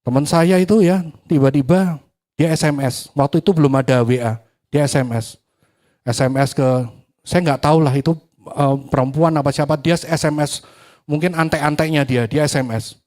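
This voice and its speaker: Dark-voiced male preacher telling a story. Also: on the high side, normal speed. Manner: animated storytelling, acts out dialogue, swings from loud to hushed. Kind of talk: sermon with personal testimony.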